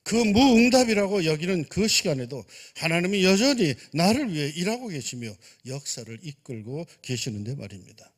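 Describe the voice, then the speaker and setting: A male pastor with a high, animated voice preaches a sermon. He swings from soaring exclamations to quiet, hushed asides. His voice carries a long reverb through a church sanctuary. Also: slightly rough. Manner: dramatic, shifts between loud exclamations and hushed asides.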